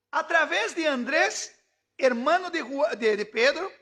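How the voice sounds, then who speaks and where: Very high-voiced fervent male preacher. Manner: fervent preaching, shouting at peaks. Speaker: pastor. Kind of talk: sermon.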